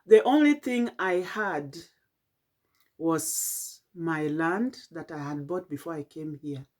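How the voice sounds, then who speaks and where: Tired, halting Kenyan woman. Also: lowish voice. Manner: halting and reflective, with many fillers and restarts. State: tired and yawning. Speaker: vlogger. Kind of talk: late-night personal vlog.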